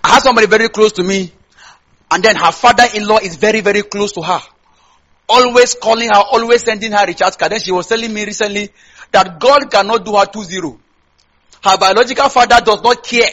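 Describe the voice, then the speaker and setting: Preaching a sermon to a congregation, this man from northern Nigeria's Kaduna State speaks with a Hausa accent in a high, bright, forceful, fairly quick voice, muffled by the recording. He keeps it conversational, repeating phrases and calling on listeners to complete or confirm what he says.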